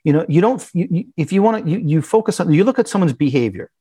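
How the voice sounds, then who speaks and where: Halting man with a dry sound. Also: fairly high pitch, lively intonation, mellow, husky, no room sound. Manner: halting, many restarts and fillers. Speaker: interview guest, business owner. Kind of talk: conversational interview.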